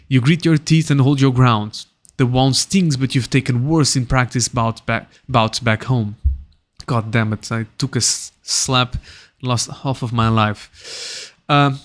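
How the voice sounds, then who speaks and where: A man's voice: medium pitch, a bit bright. A man playing a solo tabletop game, reading the dungeon narration aloud and musing about his moves between turns, humming to himself now and then. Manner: muses aloud, hums tunes between turns.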